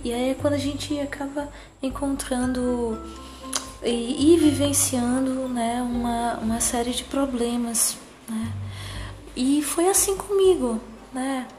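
Slow-talking woman with a cutesy, soft voice. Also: high voice. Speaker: psychologist. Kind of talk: reflective personal monologue.

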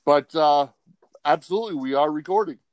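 A man's voice: on the high side, a little fast, no echo. Rambling male sports podcast host, dry sound. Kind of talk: casual sports podcast talk.

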